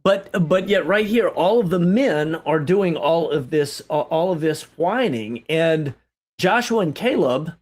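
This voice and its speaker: A man with a somewhat high voice leads a lively Bible study over a livestream. He talks in bursts of exclamation and fires off rhetorical questions, often tagging them with "right?". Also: measured pace. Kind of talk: animated Bible study discussion.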